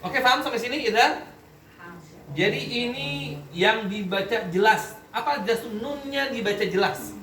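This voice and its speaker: A man's voice: high-pitched, expressive, moderate pace, bright, forceful tone. A man teaching a classroom Quran recitation lesson, often quizzing his students and checking that they understand. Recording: echoey room, voice from a distance, faint background noise.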